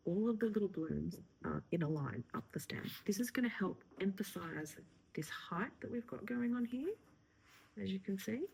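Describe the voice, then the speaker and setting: A woman florist talks viewers through her work in a relaxed, encouraging way. Her voice has a gravelly edge, and she often slips into a half-whisper mid-task. Faint noise sits under the recording. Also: fairly low pitch, rough recording. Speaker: florist teaching a tutorial. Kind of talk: casual instructional talk while working.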